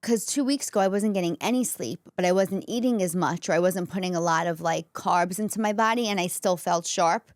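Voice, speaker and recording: Speaking directly to her listeners, a podcast host in her 40s gives a casual, candid solo talk in an indoor studio. Her lowish voice runs a little fast with few pauses, and the sound is clean studio audio with no room sound.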